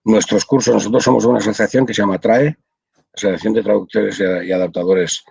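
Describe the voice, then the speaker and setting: A man's voice: lowish voice, steady tone, a little fast, creaky, darkish tone, slightly rough, no echo, rough recording. An older man from Spain, a translator, explaining his work at length in a casual video-call interview, with many restarts. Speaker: audiovisual translator, interview guest.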